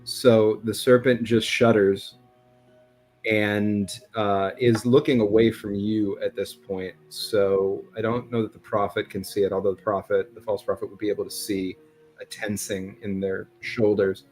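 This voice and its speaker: A man's voice: lowish voice, flat delivery, measured pace, a little mellow, faint music behind. A man playing a tabletop role-playing game, narrating his character's actions in a casual way.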